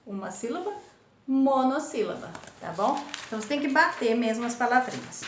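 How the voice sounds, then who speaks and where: A woman's voice: high-pitched, expressive, fairly quick, slight background noise. A woman teaching young children remotely, with a São Paulo accent, sounding out words syllable by syllable in a patient, encouraging way. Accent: Brazilian Portuguese, São Paulo state. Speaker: primary school teacher. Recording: echoey room.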